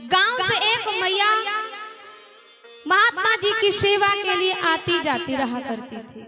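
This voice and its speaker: A young woman preacher telling a devotional story in a sermon, in a sing-song storytelling manner with dramatic pauses. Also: very high voice. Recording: sitar music playing behind.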